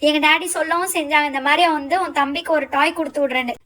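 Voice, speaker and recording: A woman's voice: sits high, fairly even intonation, quick pace, bright, forceful tone. A woman voicing Fouziya, a stubborn, boastful schoolgirl in a doll show, speaking. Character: bossy sulking schoolgirl Fouziya. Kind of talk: doll show role-play.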